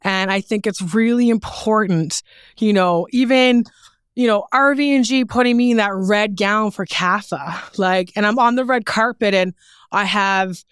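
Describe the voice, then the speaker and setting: A woman from Newfoundland, a fashion photographer, chatting as a guest in a studio and telling stories with lively energy, casual swearing and frequent laughs. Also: medium pitch, moderate pace, smooth, no room sound. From Newfoundland, Canada. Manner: animated storyteller, swears casually, laughs often. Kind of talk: casual podcast chat. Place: podcast studio.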